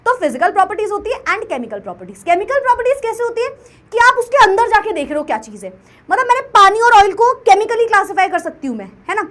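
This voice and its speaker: A woman's voice: very high-pitched, big pitch swings, fast talker, fairly bright tone. A young woman teacher giving an online class, playful and teasing, often slipping into English.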